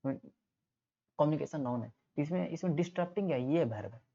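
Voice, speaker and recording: Man, teacher, exam-prep grammar lesson, asks and answers himself, warm tone, dull recording. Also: on the high side, expressive, moderate pace, gravelly. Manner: explains step by step, repeats questions and answers them himself. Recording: slightly muffled lo-fi audio.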